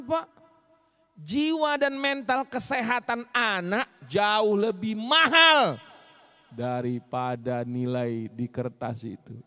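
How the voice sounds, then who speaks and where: A man from Medan with a Medan accent, giving a lively mosque sermon that swings between loud punches and low asides. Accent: Medan Indonesian. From Medan, Indonesia. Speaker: preacher.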